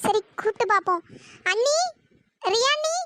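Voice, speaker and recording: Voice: very high-pitched, lively intonation, normal speed, sharp tone, full character voice. A performer voicing a polite, apologetic young woman in a cartoon, pleading to be heard. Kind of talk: pitched-up cartoon voice acting.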